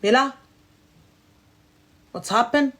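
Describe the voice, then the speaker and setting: A woman's voice: on the high side, drawn-out words, fairly bright tone. Teasing woman live stream host. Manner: teasing, slangy, joking. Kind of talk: casual live chat with callers.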